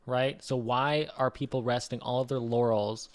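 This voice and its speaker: A man co-hosting a podcast in casual chat, laughing easily and swearing casually, with his pace speeding up and slowing down. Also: medium pitch, fairly even intonation. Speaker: podcast co-host.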